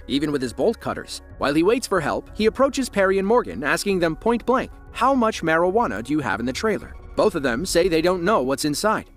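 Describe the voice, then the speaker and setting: Male American narrator for scripted true-crime, fairly high voice with animated delivery, light music underneath. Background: faint music.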